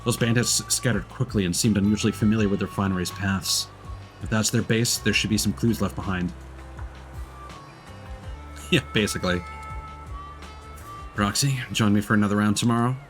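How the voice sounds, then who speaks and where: This male streamer speaks at a moderate pace with a lowish voice and pauses often. Relaxed, he casually comments on a game and reads its text and dialogue aloud flatly, remarking between lines, while game music plays.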